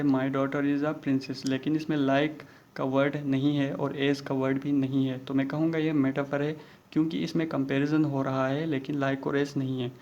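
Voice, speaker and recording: A male teacher explaining a lesson. He mixes English terms into Hindi-Urdu, keeps checking in with "okay," and reads English example sentences slowly. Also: a little high, darkish tone. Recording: dull lo-fi recording.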